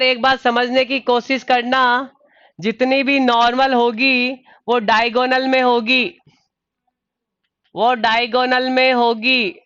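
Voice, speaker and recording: A man's voice: extremely high pitch, pushed and bright, smooth, no echo, highs cut off. A man teaching a live online engineering class, calling on students by name, addressing them as dear and patiently repeating his questions. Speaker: online exam tutor.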